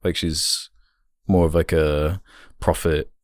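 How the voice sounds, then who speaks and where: A very low-pitched man talks loosely about films on a podcast, circling his points and trailing off. His voice is dry and close to the mic, with no room sound. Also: flat delivery, takes it slowly, no room sound. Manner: rambling, trailing off with laughs. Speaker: podcast co-host. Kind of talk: casual film review chat.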